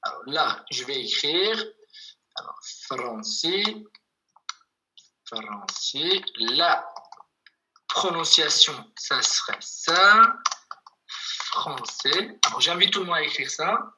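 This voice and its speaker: Online language teacher, unhurried, piercingly bright timbre, patient repetition. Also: mid-range voice, lively intonation, slight background noise, rough recording. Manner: patient, repeats words slowly for students. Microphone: video call.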